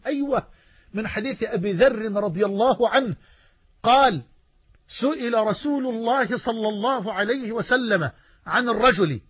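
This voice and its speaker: A man preaching a sermon in an Egyptian Arabic accent, fervent, swinging between soft pleading and loud emphasis. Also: high-pitched, slightly rough, no echo, lo-fi sound.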